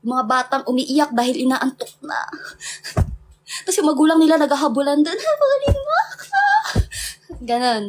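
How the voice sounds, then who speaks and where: A young Filipino-accented woman hosts a livestream, chatting casually with viewers, laughing often and mixing in English. Her voice sits high with a steady tone at a normal speed.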